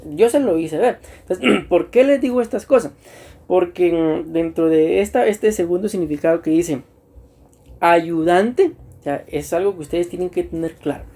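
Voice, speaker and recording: Male pastor, mellow tone, earnest church teaching, frequent throat-clearing. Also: sits high. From Costa Rica. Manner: earnest and unhurried, repeats himself, often clears his throat. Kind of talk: church teaching to new deacons.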